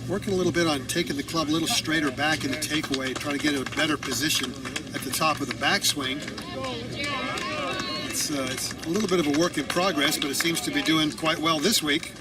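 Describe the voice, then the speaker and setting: Higher-pitched male on-course golf commentator, outdoors. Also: steady tone, a little fast, over a noisy crowd. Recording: distant, noisy outdoor ambience.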